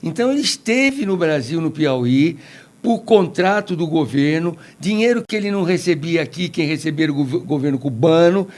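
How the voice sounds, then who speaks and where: High-voiced opinionated Brazilian man. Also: animated, moderate pace, a little mellow. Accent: Brazilian Portuguese. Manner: opinionated, tells anecdotes, digressive. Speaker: podcast commentator. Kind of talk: opinionated podcast discussion.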